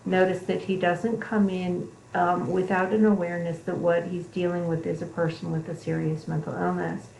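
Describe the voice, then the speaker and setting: A woman psychology instructor explains a film clip to her class. Her voice is low and gravelly, and she talks with frequent fillers and restarts. The recording has a roomy echo with faint noise behind it. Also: level tone, normal speed, few pauses, darkish tone. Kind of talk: recorded online lecture. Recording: echoey room with faint noise.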